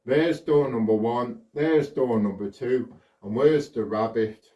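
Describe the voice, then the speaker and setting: A man's voice: medium pitch, unhurried, lo-fi sound. A man from the UK doing simple, playful patter as a kids party magician, asking questions and leading along a young audience. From United Kingdom. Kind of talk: scripted children's magic patter. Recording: distant microphone.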